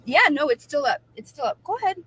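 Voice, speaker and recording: A woman's voice: high-pitched, animated, fast talker, fairly bright tone, low-quality recording. A woman in her forties chatting casually on a livestream, emphatic and repeating her points for effect. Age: 40s. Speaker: co-host of a livestream.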